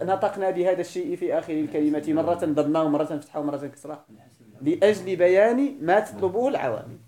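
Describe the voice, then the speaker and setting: A man's voice: high-pitched, darkish tone. Moroccan sheikh quizzing his students. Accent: Moroccan Arabic. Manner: asks students questions and repeats definitions slowly. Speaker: sheikh teaching Arabic grammar. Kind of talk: classroom lecture. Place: classroom with students.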